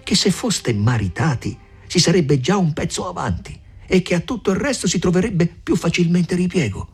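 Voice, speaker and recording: A man's voice: high voice, moderate pace, husky, soft background music, voice pushed up, full character voice. A man reading an audiobook, voicing a shrewd older peasant mother who scolds and insists. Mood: coaxing. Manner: lively, insistent, raised voice.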